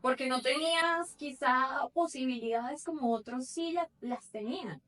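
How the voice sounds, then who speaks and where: A woman's voice: high-pitched, measured pace, a bit bright, recorded from a distance. A woman in her thirties co-hosting a podcast, talking in a reflective, earnest way and correcting herself as she goes. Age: 30s. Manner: reflective, earnest, talks at length with self-corrections. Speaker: podcast co-host. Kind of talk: casual chat.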